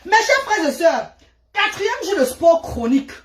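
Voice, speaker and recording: High-voiced woman vlogging in a roomy space. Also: a little slow. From Cameroon. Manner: animated, repeats words for emphasis. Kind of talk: casual storytelling monologue. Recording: roomy echo.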